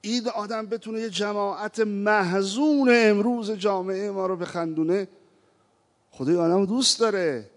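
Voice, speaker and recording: A man preaching a sermon, moving from quiet reflection to impassioned appeals and slowly chanting verses. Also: high voice. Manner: impassioned, rising to emphatic appeals; recites verses in a slow chanting tone. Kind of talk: religious sermon. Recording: reverberant hall.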